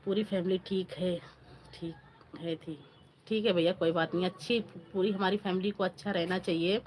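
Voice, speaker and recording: A woman's voice: fairly low pitch, steady tone, normal speed, darkish tone, slight background noise. A woman hosting a casual live stream on her phone, chatting with viewers, greeting them by name and asking for likes. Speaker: livestream host.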